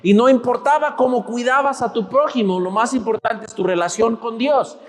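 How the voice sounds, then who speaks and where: High-voiced man preaching in a reverberant hall. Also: normal speed. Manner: emphatic preaching with rising and falling emphasis. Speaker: pastor. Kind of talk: sermon. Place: church.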